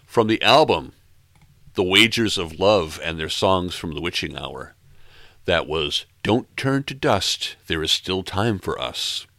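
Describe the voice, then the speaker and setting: A middle-aged man hosting a music podcast, casually back-announcing tracks in a relaxed, wry, self-deprecating way. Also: low-pitched, unhurried, no room sound, clean studio sound. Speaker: podcast host.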